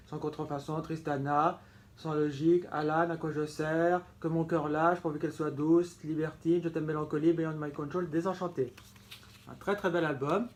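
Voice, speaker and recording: A man with a slightly high voice walks through his record collection in a relaxed home-video manner. He talks with eager affection, repeating words and stopping to correct himself. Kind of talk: casual show-and-tell vlog.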